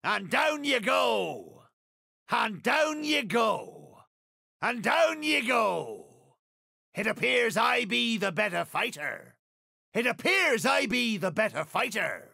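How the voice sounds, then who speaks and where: A man playing a boastful older pirate captain in a video game, with a raspy voice, a theatrical West Country pirate accent and rolling archaic phrasing. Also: high voice, pushed and bright, no echo, clean studio sound, heavily acted. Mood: taunting. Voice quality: gravelly, raspy. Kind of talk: video game character voice lines.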